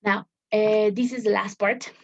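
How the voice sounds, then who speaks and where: A woman's voice: medium pitch, steady tone, measured pace, vocal fry. A woman teacher explaining a lesson step by step, often repeating words as she searches for the phrasing. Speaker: English teacher. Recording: dull lo-fi recording.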